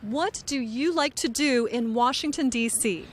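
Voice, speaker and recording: A woman playing a cheerful news reporter who interviews tourists outdoors, speaking clearly and slowly for an English lesson. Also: a little high. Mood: upbeat. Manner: clear, upbeat, slow teaching delivery. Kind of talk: scripted English lesson dialogue. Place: outdoors in a city. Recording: music bed under the voice.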